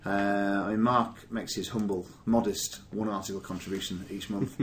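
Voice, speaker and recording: A man hosting a business podcast, talking in a loose, rambling way full of fillers. His voice sits at an ordinary pitch, with a faint hiss behind it. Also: steady tone, normal speed. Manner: chatty, rambling with many fillers. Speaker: podcast host. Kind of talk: casual podcast chat.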